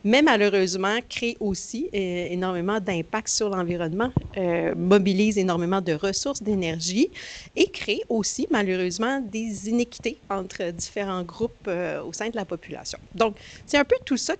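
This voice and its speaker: A woman's voice: medium pitch, moderate pace, slight background noise. A woman with a Quebec French accent hosting a conference with an informal, hesitant introduction, often searching for words. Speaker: conference host.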